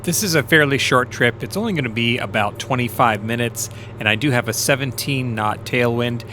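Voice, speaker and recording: A man, a private pilot, explains his flight in a relaxed, casual voice-over. His voice is bright and forward. A faint noise sits behind it. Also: mid-range voice, a little fast. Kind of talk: casual vlog voice-over narration.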